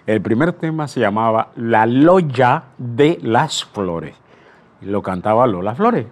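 A man's voice: medium pitch, lively intonation, takes it slowly. An older man, a veteran radio announcer, telling anecdotes in an interview. He speaks animatedly, acts out dialogue and often restarts his words.

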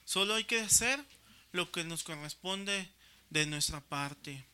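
A man's voice: sits high, measured pace, pushed and bright, clean tone. An older man with a Mexican Spanish accent preaching a sermon in a conversational way, often checking in with his listeners. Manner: conversational, constant tag questions.

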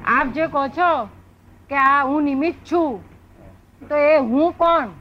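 A woman's voice: high voice, slow, highs cut off. A woman asking and restating questions for a spiritual teacher in an interview. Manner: restates others' questions plainly.

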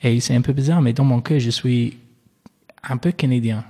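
A young Englishman in his twenties is interviewed in casual French, speaking as a learner with an English accent. His medium-pitched voice is mellow and husky at a moderate pace, and he's hesitant, full of fillers and repeated "yes".

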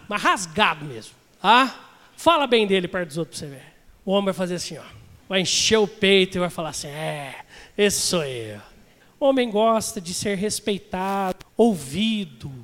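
A man's voice: sits high, fairly bright tone. A man preaching a sermon as a pastor, chatting with his congregation and asking them questions. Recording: long hall reverb.

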